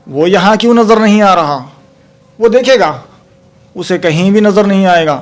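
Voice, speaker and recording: A man delivers a religious talk for a recorded video in a fairly high voice for a man. His preaching is emphatic, with slow, measured recitation of Arabic verses and frequent exclamations of praise. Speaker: Islamic preacher.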